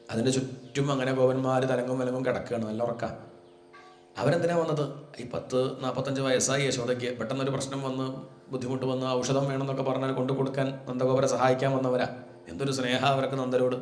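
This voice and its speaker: A man gives a devotional scripture discourse, retelling the story and slowing to chant Sanskrit verses. His voice sits at a middle pitch. The recording carries a noticeable room echo. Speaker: Bhagavatam teacher.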